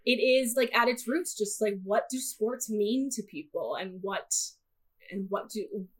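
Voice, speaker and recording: A woman's voice: medium pitch, unhurried, breathy edge, poor audio. A woman who is a guest on a podcast, chatting casually with lots of fillers and easy laughter. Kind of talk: casual chat.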